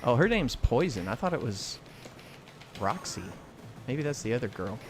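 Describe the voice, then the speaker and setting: A man's voice: medium pitch, sing-song, moderate pace, over music. American man doing casual game stream commentary. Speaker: livestream host and gamer. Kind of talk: casual live commentary while playing. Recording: clear noise, game sounds behind. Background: video game sound and clacking arcade buttons.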